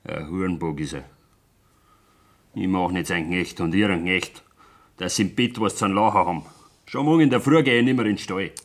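In a dialect radio drama, a male actor voices a stubborn, bitter young farm son with a Bavarian accent, sounding defiant and curt. He speaks low and fairly quickly, broken by long pauses.

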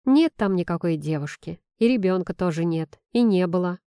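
A gentle, persuasive young woman friend , as a woman narrator puts her on, coaxing and reassuring. Her voice sounds warm and mellow. There is no room sound at all. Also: lowish voice, lively intonation, moderate pace, clear, resonant tone, dry recording, studio quality. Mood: confiding. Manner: coaxing and soothing.

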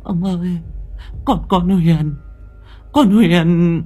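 Man playing a terrified village mother, raised pitch, stammering, wailing cries, horror audiobook. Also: normal speed, a little mellow, slightly rough, faint music behind, exaggerated voice. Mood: urgent calling. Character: frightened village mother near fifty.

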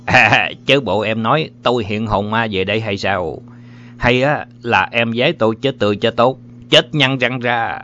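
A man's voice: mid-range voice, moderate pace, pushed and bright, lightly acted. A man voicing a boastful, swaggering grown man in an audiobook, talking in a jovial Southern Vietnamese accent. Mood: playful. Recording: muffled with faint music.

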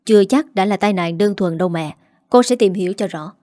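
A woman voicing a stern, calm young father in a read-aloud story, speaking low and measured. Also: no room sound, clean studio sound, close to an everyday voice. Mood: firm.

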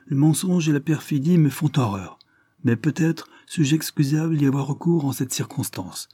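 A man voicing a grave, commanding aristocratic lord near death, who speaks in a measured, solemn way. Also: on the high side, lively intonation, dark tone, breathy edge, no echo, clean studio sound, voice pushed up.

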